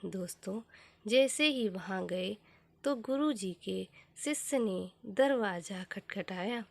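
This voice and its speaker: A woman narrating a scripted motivational story as a storyteller, in measured, deliberate short phrases. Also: mid-range voice, animated, gravelly, no echo.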